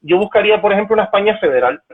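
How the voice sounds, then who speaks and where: A man's voice: high voice, animated, rapid-fire. A man, calling in as a guest, talking politics earnestly and building points with examples over a crackly, choppy phone line. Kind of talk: political discussion.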